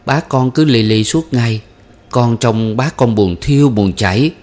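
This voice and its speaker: A man's voice: mid-range voice, a little slow, a little mellow, voice pushed up, natural voice. A man voicing a sly, cheeky young servant girl in a storybook reading, tattling in a slightly raised voice.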